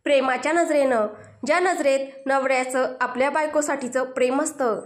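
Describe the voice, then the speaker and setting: A woman's voice: high-pitched, fairly even intonation, moderate pace, lightly acted. A woman voicing a teasing young husband. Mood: tender. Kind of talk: storybook narration. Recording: roomy echo.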